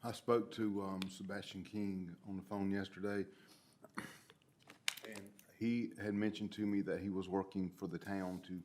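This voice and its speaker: An American man, a council member, making informal and somewhat halting remarks at a town meeting. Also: deep voice, flat delivery, darkish tone, slight background noise.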